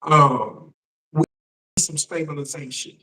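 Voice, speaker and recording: Male shock jock livestream host, slightly high voice, halting casual commentary with repeated words, recorded at a distance from the mic. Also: bright, forceful tone. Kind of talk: live political commentary, casual address to viewers. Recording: roomy echo, distant microphone.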